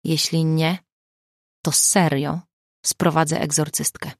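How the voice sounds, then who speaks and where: A woman reading the lines of a brisk, teasing amateur sleuth in an audiobook. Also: low-pitched, level tone, dry recording, studio quality. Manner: brisk, matter-of-fact, teasing. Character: grown woman, sharp-witted amateur sleuth.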